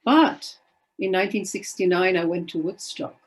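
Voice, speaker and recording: An older woman living in Germany, Polish by first language, tells her life story over a video call in a lowish voice at a normal speed. As a guest speaker, she's chatty, wry and self-deprecating in this casual storytelling.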